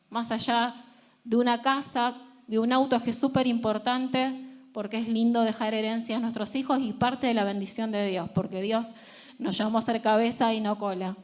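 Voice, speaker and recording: A woman's voice: a little high, darkish tone. A woman pastor with an Argentine accent, preaching a sermon earnestly and repeating words for emphasis. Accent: Argentine Spanish.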